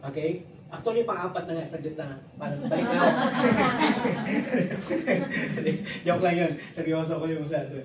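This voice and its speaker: A Filipino-accented man pitches a business opportunity in a loose, chatty storytelling way, joking as he goes. His voice sits high, and he sounds some way off from the mic. The room is echoey, with steady noise behind him. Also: quick pace, far from the mic. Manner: chatty storytelling, jokes and laughs often. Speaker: network marketing presenter. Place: presentation room.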